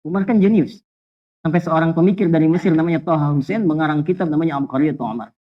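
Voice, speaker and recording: A man preaching a lively sermon to a congregation, telling humorous stories, asking rhetorical questions, and weaving in Arabic phrases. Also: a little high, fast. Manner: animated storytelling with jokes and rhetorical questions. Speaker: Islamic preacher. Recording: dull lo-fi sound.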